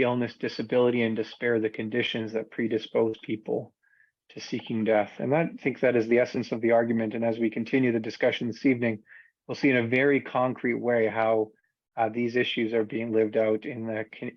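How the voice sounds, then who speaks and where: A man delivering a formal prepared argument in a measured, earnest and articulate way. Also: medium pitch, little pitch movement, no room sound, lo-fi sound. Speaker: panel speaker, doctor.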